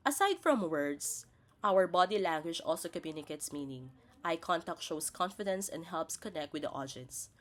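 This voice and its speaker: Speaking at a moderate pace in a somewhat low, animated voice, a woman delivers a scripted lesson as a teacher. She lays out every point methodically, one step at a time, in the style of instructional narration.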